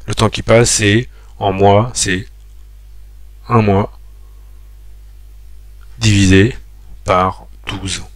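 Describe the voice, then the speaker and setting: A man giving a screen-recorded spreadsheet tutorial, thinking aloud with many pauses and fillers as he talks viewers through each step. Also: on the low side, vocal fry, dry recording.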